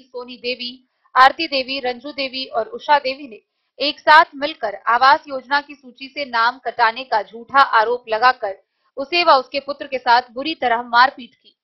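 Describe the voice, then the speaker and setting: A woman reading a local news report in a formal, even voice-over. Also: high voice, muffled recording. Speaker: news reader.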